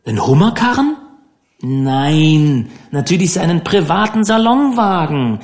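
A man's voice: on the high side, very animated, a little slow, a little mellow, reverberant, pitched above the performer's own voice. A man voicing a spoiled, haughty rich teenage boy who sounds boastful and indignant in an audiobook.

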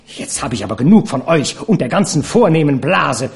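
A man voicing a fiery young actress and courtesan, shrill and scolding as she shouts. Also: animated, fairly quick, lightly acted. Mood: screaming.

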